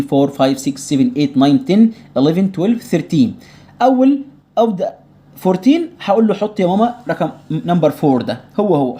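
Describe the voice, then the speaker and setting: A man with an Egyptian Arabic accent teaching English to young children in an online lesson. He says each word slowly, repeats it for drilling, and keeps checking that the class follows. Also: fairly high pitch, mellow. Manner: patient, explanatory, often asks tamam? to check understanding.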